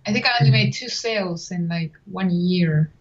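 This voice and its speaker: A woman's voice: on the low side, normal speed, lo-fi sound. Chatty woman. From Chile. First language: Spanish. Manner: chatty, with frequent restarts and small laughs. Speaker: guest. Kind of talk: casual interview.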